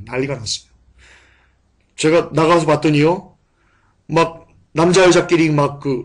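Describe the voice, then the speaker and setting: A man preaching a sermon and telling a personal testimony, moving between hushed, quiet recollection and loud, passionate outbursts. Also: a little high. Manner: impassioned, swings from hushed to shouting.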